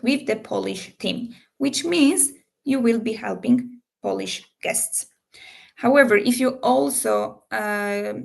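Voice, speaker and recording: A woman recruiter runs a live Q&A, explaining job details without rushing, with frequent fillers and slightly non-native phrasing. Her voice is medium-pitched and creaky.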